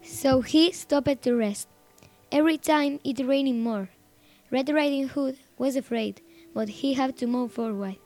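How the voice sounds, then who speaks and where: A woman reads a children's story aloud, phrase by phrase. Her voice sits high, and she stumbles and restarts now and then. Faint music plays behind her. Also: darkish tone. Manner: reads in short phrases with some slips and restarts.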